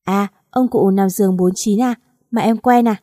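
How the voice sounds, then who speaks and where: A woman voicing a kind, protective young male doctor who speaks gently, in a spoken story. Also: medium pitch, normal speed, no room sound, studio quality, close to an everyday voice. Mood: gentle. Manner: gentle, caring.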